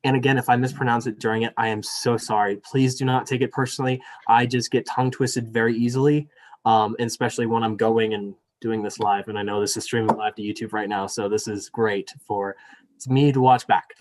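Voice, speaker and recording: A man's voice: medium pitch, little pitch movement, a little fast, a little mellow. Young man moderating a virtual student debate. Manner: apologetic and chatty, many fillers, then reads rules formally. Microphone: video call.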